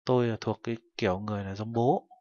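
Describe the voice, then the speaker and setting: A man's voice: on the low side, steady tone, fast talker, mellow, dry recording. A male teacher patiently explaining a textbook lesson and translating each phrase step by step. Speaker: Korean language teacher. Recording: dull lo-fi recording.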